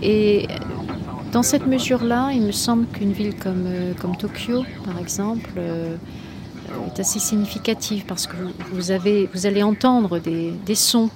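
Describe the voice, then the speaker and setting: A woman speaking reflectively in an interview, searching for words and repeating phrases for emphasis. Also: medium pitch. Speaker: interviewed poet and flight attendant. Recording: clear ambient noise behind voice.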